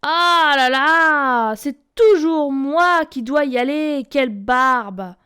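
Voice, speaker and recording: A woman's voice: high voice, expressive, measured pace, darkish tone. A woman voicing a rude, mocking little girl who grumbles and taunts. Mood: grumpy.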